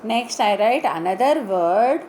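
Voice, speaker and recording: A woman teaching an online English lesson, slowly spelling out words letter by letter and repeating them. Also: medium pitch, lively intonation, darkish tone, slight background noise, poor audio.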